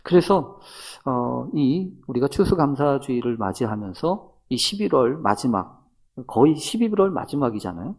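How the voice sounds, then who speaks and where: A man preaching a thanksgiving sermon as pastor, in a conversational way with rhetorical questions and soft murmured asides. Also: mid-range voice, big pitch swings, normal speed, slightly rough.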